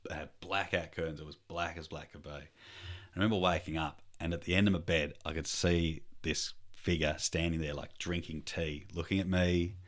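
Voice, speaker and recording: Low-voiced man telling a story. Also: a bit bright. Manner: laid-back, swears freely, trails off with fillers. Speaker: podcast host. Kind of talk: casual storytelling chat.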